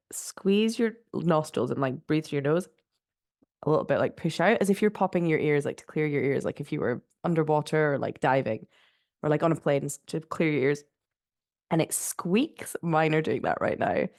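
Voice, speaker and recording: Low-pitched and nasal from blocked sinuses, a young woman chats on her laid-back solo podcast, recorded in her spare room. Her talk wanders, full of "like" and soft laughs, and the audio is dry and studio quality.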